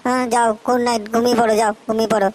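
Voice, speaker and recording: A high-voiced, melodramatic young boyfriend, played by a woman in a comedy sketch. He pleads for attention and sinks into self-pitying laments. His talk is sulky and theatrical. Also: flat delivery, rapid-fire, darkish tone, slight background noise, natural voice, rough recording. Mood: whiny. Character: lovesick young male boyfriend, whiny and melodramatic.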